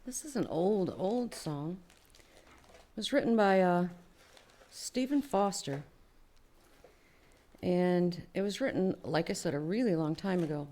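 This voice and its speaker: A woman's voice: fairly low pitch, lively intonation, takes it slowly, long pauses, warm tone. A woman musician talking casually to a live audience from a stage, chatty and explanatory, with many filler phrases. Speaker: singer and musician hosting a live show. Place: barn music venue before a live audience.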